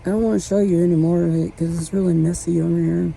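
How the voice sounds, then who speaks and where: A woman in her late forties talking at home from her bed in a halting, rambling vlog monologue full of restarts. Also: lowish voice, steady tone, vocal fry, warm tone, slight background noise, poor audio. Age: 40s. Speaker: vlogger.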